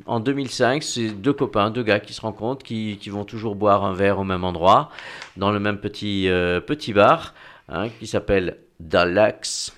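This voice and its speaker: A man's voice: on the low side, fairly even intonation, normal speed, a bit bright. A man presenting a music band on a radio show, talking casually with many fillers and restarts. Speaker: regular music show contributor.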